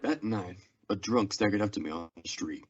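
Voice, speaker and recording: A young man acts as a weary, plainspoken Old West marshal in a school radio theatre Western, giving grim narration over music. His natural, lowish voice moves at normal speed, captured in a dull lo-fi radio-play recording.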